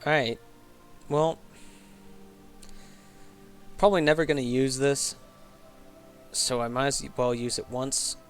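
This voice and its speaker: Guy with the hiccups playing a tabletop game, talks slow and full of ums, faint music behind. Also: mid-range voice, steady tone. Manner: hesitant, lots of ums, swears casually. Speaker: player. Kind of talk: casual tabletop game play.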